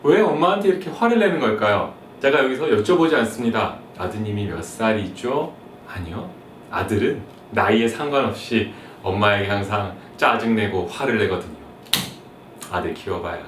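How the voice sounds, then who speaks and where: Speaking at normal speed in a lowish, animated voice, this young man performs a comedy monologue aimed at mothers, abruptly switching between imitations of a whining son and a nagging mother. It's a playful explainer act built from acted-out scenes. Faint ambience and slight noise come through a roomy, somewhat distant microphone.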